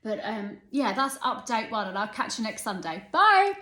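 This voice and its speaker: A woman's voice: on the high side, big pitch swings, moderate pace, pushed and bright. A woman in her thirties chatting casually and a bit ramblingly in a vlog. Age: 30s. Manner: chatty and rambling, self-aware, determined. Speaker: vlogger. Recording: echoey room.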